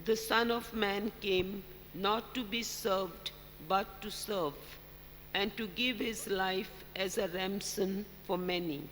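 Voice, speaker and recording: A man reading a psalm as lector at Mass, with deliberate, formal and solemn phrasing in an echoing church. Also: sits high, fairly even intonation. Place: large church during Mass. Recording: echoing church, long reverb, background noise.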